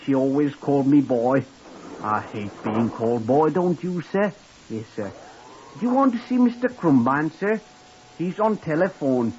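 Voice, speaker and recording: A man's voice: on the high side, darkish tone, lightly acted. An actor playing an eager lift boy. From Blackpool, Lancashire. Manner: deferential, ends nearly every phrase with "sir". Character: eager simple-minded young male hotel lift attendant. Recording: hissy, dull 1950s radio broadcast.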